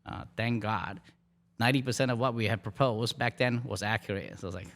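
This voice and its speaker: With a lowish voice touched by vocal fry, a middle-aged Malaysian hospitality dean answers questions on a podcast. His speech is relaxed but halting, peppered with fillers and restarts.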